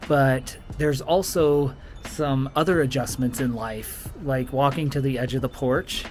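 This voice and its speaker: A middle-aged man hosting a casual vlog outdoors, talking in a relaxed, rambling way with many ums and uhs. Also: medium pitch, measured pace, slight background noise. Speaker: vlog host. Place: outdoors in a mountain town.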